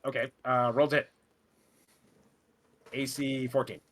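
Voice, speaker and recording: A man improvising narration as game master, halting as he searches for words. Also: medium pitch, level tone, fairly bright tone, slight background noise.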